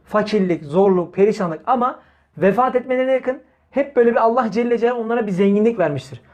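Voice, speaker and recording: Addressing his audience directly as brothers, a male Islamic preacher delivers an informal sermon full of emphatic repetition and rhetorical questions. He talks fast in a high, slightly mellow voice.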